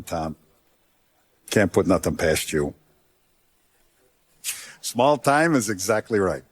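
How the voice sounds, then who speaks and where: An actor voicing a hardened middle-aged mafia don in a video game, deliberate and authoritative, with streetwise gangster talk. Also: male voice, on the low side. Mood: businesslike, scheming. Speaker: crime boss in a video game. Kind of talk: video game character acting.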